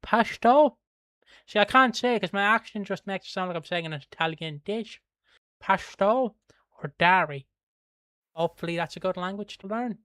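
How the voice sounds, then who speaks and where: Speaking at a normal pace in a mid-range, fairly bright voice, this Irish streamer from Kildare chats loosely, cursing and laughing as he goes through viewer comments. He mentions his merch in an easy, throwaway manner, and the audio has no echo.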